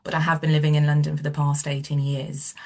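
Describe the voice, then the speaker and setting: A woman's voice: sits low, monotone, quick pace, a little mellow. A middle-aged woman from Romania, a recruiter giving a webinar presentation over a video call, hesitant with many ums.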